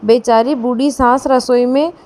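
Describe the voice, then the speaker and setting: A woman's voice: a little high, steady tone, measured pace, mellow, lightly acted. A woman voicing a nosy neighbor auntie who scolds and reproaches the young bride. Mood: scolding.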